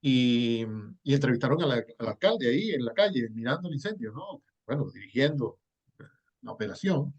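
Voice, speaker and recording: A man's voice: medium pitch, very animated, normal speed, a little mellow, husky. A man giving an online lecture over a video call, digressive and full of fillers and self-corrections. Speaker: Spanish language history lecturer.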